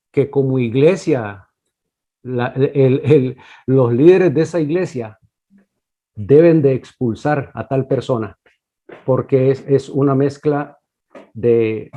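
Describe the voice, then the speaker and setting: A man giving his opinion in an online Bible class, earnest and halting, repeating words. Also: mid-range voice, dark tone, dull audio. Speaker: class participant.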